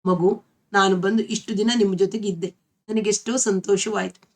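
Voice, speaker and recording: A woman's voice: mid-range voice, steady tone, normal speed, a little mellow, natural voice. A woman reading the part of an old woman, a stern traditional mother who speaks bluntly. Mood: tearful. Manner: scolding, blunt.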